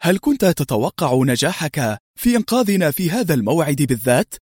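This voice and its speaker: A man's voice: on the high side, very animated, fairly quick, darkish tone, husky, dry recording, clean studio sound. A man voicing a puzzled, easily astonished male doctor. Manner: wondering, amazed.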